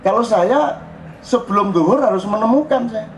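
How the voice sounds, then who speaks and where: An older man with an East Javanese accent preaches at an outdoor plaza gathering, his voice sitting high and moving at normal speed. Playful and teasing, he laughs often and acts out exclamations as he leads the crowd in an informal sermon. The live outdoor recording is dull, with faint background noise.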